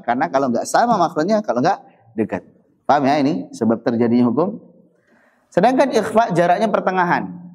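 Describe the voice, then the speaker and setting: A man teaching Quran recitation rules, asking himself questions and answering them, and stretching out the Arabic examples slowly. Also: fairly high pitch, darkish tone. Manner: asks and answers his own questions. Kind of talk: tajwid lesson.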